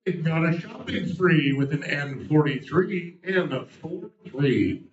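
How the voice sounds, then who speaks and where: A man calling bingo numbers with playful, punning lead-ins, slowly repeating each number digit by digit. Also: a little high, expressive. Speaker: bingo caller. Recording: roomy, dull lo-fi sound.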